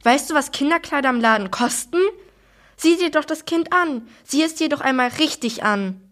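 A woman's voice: fairly high pitch, normal speed, natural voice. A woman reading aloud, voicing a worried mother who pleads and argues with her husband in a children's novel. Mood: upset.

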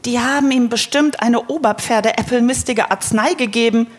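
A woman voicing a bold young pony who leads his friends, brisk and decisive. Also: on the high side, husky. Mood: determined. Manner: brisk, decisive, hissing when tense.

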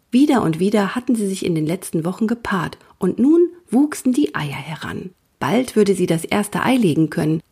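Breathy, softly whispering woman storyteller. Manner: soft, partly whispered reading with lively pitch. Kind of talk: scripted narration of a children's nature story.

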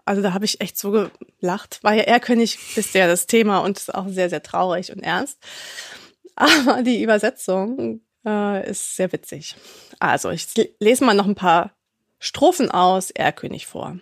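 A woman's voice: mid-range voice, moderate pace, no room sound. Chatty woman podcast host, dry sound. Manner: chatty and amused, with frequent fillers. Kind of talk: casual podcast chat.

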